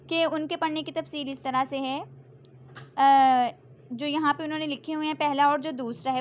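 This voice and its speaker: Woman, high voice, Quran reading teacher, patient explanations, slow spelled-out recitation. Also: fairly bright tone. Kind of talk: step-by-step recitation lesson.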